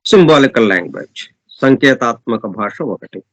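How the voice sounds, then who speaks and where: Deliberate man teaching a scripture lesson. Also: medium pitch, animated, fairly bright tone, no echo. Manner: repeats and lists synonyms, slow and deliberate; reads English passages slowly. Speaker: spiritual teacher. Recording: dull, dry lo-fi recording.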